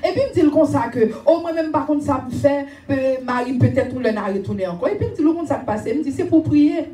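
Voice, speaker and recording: A woman preaching a sermon and telling a personal testimony, animated and often raising her voice with laughter. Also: high-pitched, brisk, roomy sound, recorded from a distance, faint music behind. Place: church.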